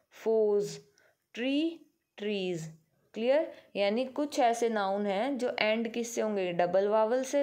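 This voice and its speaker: A woman's voice: mid-range voice, warm tone. A woman teaching a grammar lesson, patiently asking the class questions and answering them herself. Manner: addresses pupils affectionately as "beta".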